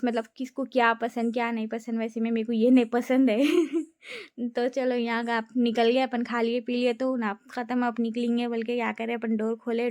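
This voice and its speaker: A woman's voice: on the high side, darkish tone, no room sound, studio quality. A young woman narrating her family vlog in a chatty, giggly way. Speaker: family vlogger. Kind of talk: casual vlog voice-over.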